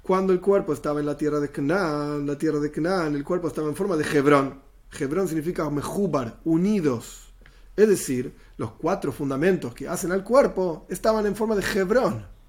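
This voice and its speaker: A man's voice: fairly high pitch, moderate pace. Man teaching a Torah lesson. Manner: explanatory, repeats Hebrew terms then glosses them in Spanish.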